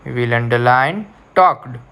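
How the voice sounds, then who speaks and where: A man's voice: medium pitch, measured pace, clean tone, dull audio. A male teacher giving a reading lesson, dictating words to underline and repeating each instruction. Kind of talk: slow classroom reading lesson.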